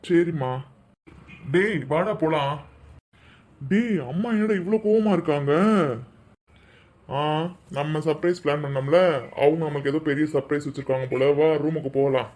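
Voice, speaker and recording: A man voicing a high-voiced, coaxing young son. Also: normal speed, long pauses, darkish tone, close to an everyday voice. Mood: puzzled. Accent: Tamil Nadu. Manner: coaxing, pleading, playful. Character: cheerful grown son returning home, young man. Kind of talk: cartoon voice acting.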